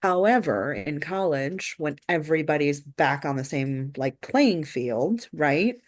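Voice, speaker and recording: A woman with a low voice talks in a casual discussion. She sounds earnest, pausing and rephrasing as she works through her thoughts out loud, like a co-host sharing an opinion. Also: animated. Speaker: book review co-host.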